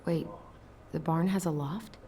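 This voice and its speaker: A woman's voice: on the low side, a little slow, dark tone, natural voice. An actress playing a blunt, frustrated young American woman in a dramatic video game. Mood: curious, quiet. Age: young adult. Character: blunt, frustrated young woman confronting an older family friend.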